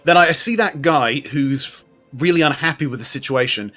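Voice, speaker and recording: A man's voice: on the high side, normal speed, fairly bright tone, faint music behind. A man chatting casually as a player in a tabletop role-playing game.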